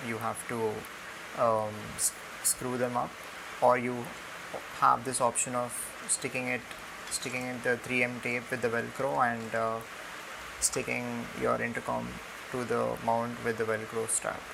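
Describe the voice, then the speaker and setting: Sitting on a room floor indoors, a young Indian-accented product reviewer talks through an unboxing and tutorial in an unhurried, casual way, often saying um. His medium-pitched delivery stays very even with a creaky, fried quality, over a steady hiss in the homemade recording.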